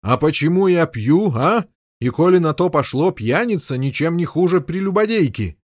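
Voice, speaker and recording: A man's voice: a little high, animated, moderate pace, dry recording, clean studio sound, voice pushed up. A man voicing a bellowing brutish knight. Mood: scornful. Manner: shouting, coarse. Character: angry jealous male knight, brutish and loud.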